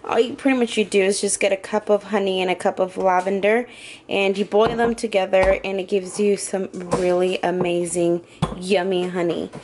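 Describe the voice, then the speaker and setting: A woman's voice: medium pitch, flat delivery, moderate pace, background noise. A woman talking casually through her meal prep in a home kitchen, chatty and a little hesitant, often correcting herself. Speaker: vlogger.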